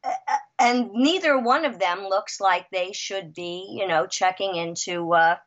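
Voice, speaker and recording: A woman in her sixties, a writer and guest, chatting in an interview, lively and emphatic, with frequent restarts. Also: mid-range voice, unhurried. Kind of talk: casual interview chat. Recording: dull lo-fi audio.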